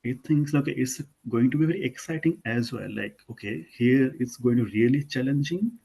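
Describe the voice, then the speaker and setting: An Indian man with an Indian English accent talks students through a slide presentation in an online lesson. His voice sits at an ordinary middle pitch. He speaks informally, with "uh", restarts and self-corrections. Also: moderate pace, creaky, mellow, slightly rough, poor audio. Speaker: architect giving an online lesson.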